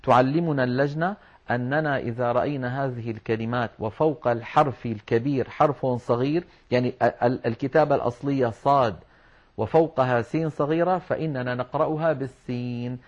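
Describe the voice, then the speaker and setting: A man gives a lesson on Quran recitation, explaining each rule patiently. He slows down to sound out example words, in a middle-pitched voice. The recording is dull and lo-fi.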